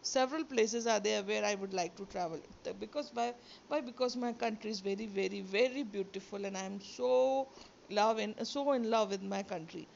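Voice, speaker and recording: A woman teacher who speaks Sindhi natively reads a textbook story aloud in Indian English, then re-explains it line by line, switching into Hindi. Her mid-range voice is creaky and a little mellow at normal speed, recorded on a phone or screen recorder mic with highs cut off and slight background noise.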